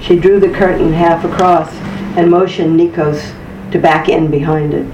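Narrator reading a story, steady and even, echoey room, kinda dull lo-fi sound. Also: medium pitch, normal speed, noisy background. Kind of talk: scripted audiobook narration. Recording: distant, roomy, dull-sounding recording.

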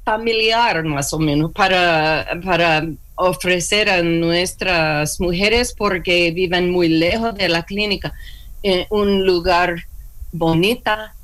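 A woman with a fairly low, fairly bright voice speaks slowly and hesitantly, searching for words with many fillers and restarts. She's a clinic worker appearing as a guest in a halting conversational interview.

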